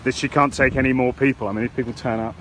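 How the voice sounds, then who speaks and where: A man giving an earnest, halting, unscripted live news report outdoors in a storm, speaking into a phone. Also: medium pitch, fairly even intonation. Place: outdoors near a hotel in a storm. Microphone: phone held by the speaker. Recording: noisy outdoor wind and rain. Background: storm ambience.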